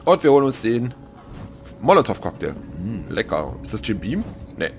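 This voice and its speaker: Lively, low-voiced game commentator. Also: male voice, normal speed. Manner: excitable, jokey, drops to whispers in tense moments. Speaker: let's play commentator. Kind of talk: gaming commentary. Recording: gameplay music playing behind.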